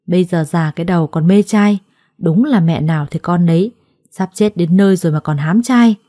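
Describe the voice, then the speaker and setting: A woman's voice: lowish voice, moderate pace, dark tone, no room sound, clean studio sound, close to an everyday voice. A woman voicing a harsh, spiteful older adoptive mother who scolds with scorn in a storybook reading. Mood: scornful.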